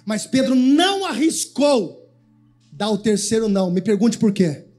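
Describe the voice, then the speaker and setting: A man's voice: high voice, very animated, measured pace, a little mellow, soft background music. A man preaching a sermon as pastor, giving the congregation commands to repeat after him. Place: church.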